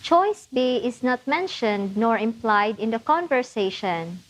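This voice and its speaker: A woman narrating a test preparation lesson, explaining answers clearly and encouragingly. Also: on the high side, lively intonation, measured pace, rough recording. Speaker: test prep instructor. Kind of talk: scripted teaching narration.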